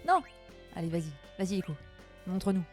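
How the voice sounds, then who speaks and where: A woman chatting casually with her live-stream audience while gaming, playful and quick to laugh, her voice a little tired. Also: on the low side, sing-song, a little mellow, faint music behind.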